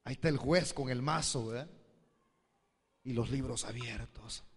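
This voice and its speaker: A man's voice: medium pitch, moderate pace, long reverb tail. A man pastor, preaching a sermon and addressing the congregation with questions. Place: church hall.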